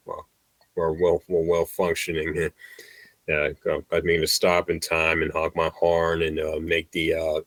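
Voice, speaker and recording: A man co-hosting a podcast, telling things haltingly with constant hesitations. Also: low-pitched, a bit bright, dry recording. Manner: halting, many "uh" fillers. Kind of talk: casual chat.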